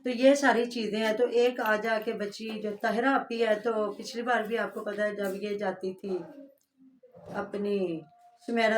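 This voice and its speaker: Chatty woman rambling through a reaction vlog. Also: a little high. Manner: chatty, rambling, many fillers and asides. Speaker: vlogger reacting to family vlogs. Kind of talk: casual reaction commentary.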